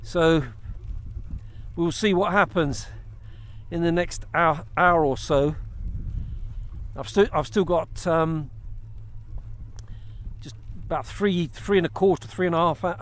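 A middle-aged English fishing vlogger speaks casually to an action camera mounted on his kayak out on open water, explaining his fishing step by step. His voice is on the high side and slow, with frequent pauses, and he often restarts his phrases.

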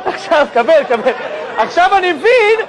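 A man's voice: very high voice, sing-song. A male comedian doing teasing, bossy crowd work on a stage in front of a live audience. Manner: teasing, bossy director banter. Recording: live show with audience noise.

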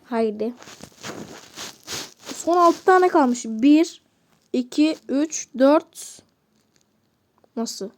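Slow-talking, high-voiced woman gamer. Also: expressive, a little mellow, a little hiss or hum. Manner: chatty, mutters to herself, frustrated outbursts at the game. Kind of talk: casual gameplay commentary.

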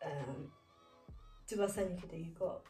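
A twenty-something woman plays a quiz game with her sister in an indoor living room, keeping the chat casual, teasing, and full of laughter. She speaks at normal speed in a lowish, warm voice over soft background music, and the distant camera makes the audio sound roomy.

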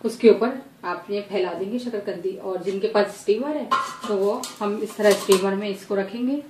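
A woman's voice: mid-range voice, moderate pace, a little mellow, slight background noise. A woman in her forties hosting a home cooking demo, plainly explaining each step to viewers. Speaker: home cook, cooking channel host. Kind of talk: casual cooking demo chat. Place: home kitchen. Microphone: far camera. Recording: echoey kitchen from far, clattering pots.

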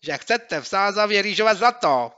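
A man doing a jeering schoolboy bully, high and mocking. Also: animated, clear, resonant tone, highs cut off. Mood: taunting. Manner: mocking, taunting, drawn-out shouts. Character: jeering mischievous schoolboy rival. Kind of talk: audiobook character voice.

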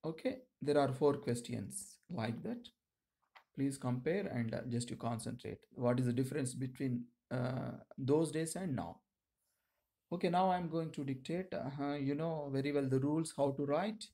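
A man with an Indian accent speaking as a shorthand instructor, dictating to students in short, measured phrases. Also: mid-range voice, vocal fry, dark tone.

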